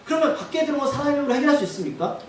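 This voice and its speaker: Animated high-voiced male pastor, echoey. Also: rapid-fire, slight background noise. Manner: lively, questioning the congregation. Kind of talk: sermon. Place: church sanctuary. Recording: echoey church hall from far off.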